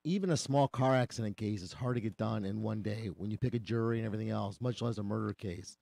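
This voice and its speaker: Brief: man, lawyer guest on talk radio, earnest and explanatory, slight cold in the voice, warm tone, dry studio sound. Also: on the low side, fast talker, gravelly, dry recording. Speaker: attorney guest.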